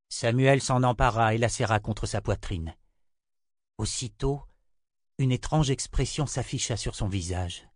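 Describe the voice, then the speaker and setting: A man's voice: lowish voice, no echo. Man narrating a fantasy audiobook, dry sound. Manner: steady, even storytelling. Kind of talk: scripted narration.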